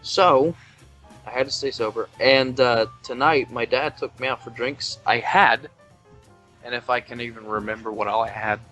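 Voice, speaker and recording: A man's voice: mid-range voice, fairly even intonation, moderate pace, bright, forceful tone. Tipsy young male podcast host, rambles and swears, faint music bed. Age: 20s. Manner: loose, rambling, swearing, reading aloud with mock quoting. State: drunk. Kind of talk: tipsy casual podcast chat. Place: indoors at home, Tennessee.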